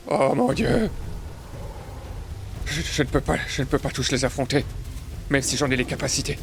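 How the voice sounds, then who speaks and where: A man with a gravelly edge to his voice roleplays his character through a game, narrating calmly one moment and hurling theatrical insults the next. Clear music plays behind him the whole time. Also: medium pitch, quick pace. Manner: theatrical, swings between calm narration and outbursts of insults. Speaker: gamer roleplaying a dinosaur.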